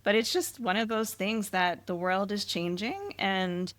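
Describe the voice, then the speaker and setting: A woman's voice: medium pitch, animated, measured pace, a bit bright, dry recording. A woman co-hosting a travel podcast in casual chat, chatty, laughing often and trailing off mid-sentence. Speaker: podcast co-host.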